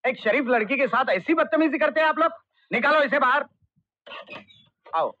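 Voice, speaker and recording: An actor playing a firm, commanding investigating officer in an old Hindi film. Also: male voice, very high voice, expressive, moderate pace, no echo. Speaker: CBI officer. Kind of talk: 1990s Hindi film acting. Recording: dull old film soundtrack.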